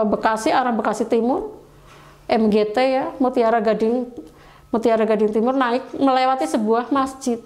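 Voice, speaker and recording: Middle-aged woman, high voice, emotional testimony with pleading prayers. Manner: refers to herself as Umi, pleading quoted prayers. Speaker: guest telling her conversion story.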